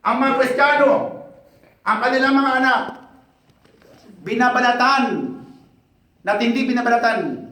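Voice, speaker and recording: A man preaching a sermon in Filipino, rousing and joking with the congregation, often shouting. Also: very high-pitched, unhurried, pauses often. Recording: echoey hall, voice from a distance.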